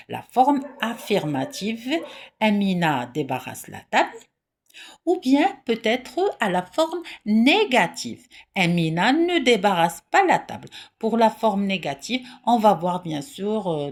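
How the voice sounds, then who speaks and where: Female teacher, slow and patient, lively rises in pitch, repeats and checks in with pupils. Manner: patient, repeats key points and checks with "d'accord?"; raises her voice when reading questions aloud. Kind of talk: grammar lesson for children.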